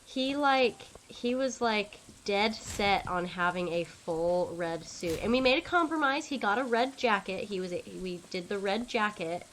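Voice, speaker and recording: A young woman chatting casually on a gaming stream, excitable and rambling with lots of fillers. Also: mid-range voice, a little slow, few pauses, a little hiss or hum.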